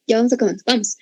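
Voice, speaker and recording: A woman with a Bolivian Spanish accent teaches a grammar class, patiently explaining and often checking in with students. Her slightly high voice is mellow with a breathy edge, recorded dry with the highs cut off.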